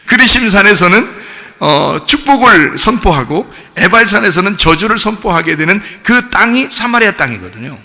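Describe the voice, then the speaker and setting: A man's voice: high voice, sing-song, normal speed, bright, forceful tone. A man preaching a Sunday sermon in a church, asking the congregation questions and acting out the quoted lines. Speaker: pastor. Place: church sanctuary. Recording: church hall reverb.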